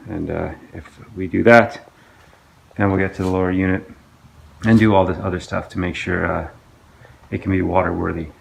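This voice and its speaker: A man with a low, gravelly voice talks through his engine repair in a casual, meandering way, often stopping and restarting his sentences. He sounds like a hobbyist narrating from his home workshop, and his voice drifts nearer and farther from the camera mic. A faint hiss of workshop noise sits underneath. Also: fairly even intonation, moderate pace, long pauses. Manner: rambling, hesitant, full of restarts and ums. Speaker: outboard engine restorer.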